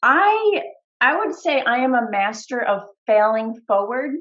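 A woman on a podcast shares personal stories in an earnest, heartfelt way, pausing on small fillers. Her voice sits a little high. The audio sounds slightly dull and lo-fi. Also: sing-song, a bit bright. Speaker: podcast guest. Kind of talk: conversational interview answers.

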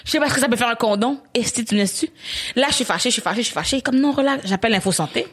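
A woman with a Québécois accent, hosting a podcast and telling a story in casual chat, animated and laughing often. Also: fairly high pitch, very fast, slightly rough. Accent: Québécois French. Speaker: podcast host.

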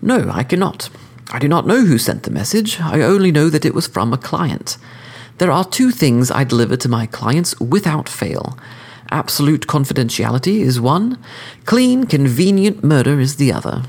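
A man voicing a sophisticated male killer who speaks with cordial, precise, lecturing calm. The figure's voice sits well above the man's own voice. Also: fairly high pitch, normal speed, creaky, voice pushed up, full character voice. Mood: cordially smug. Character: suave cordial male hitman, smug, sophisticated.

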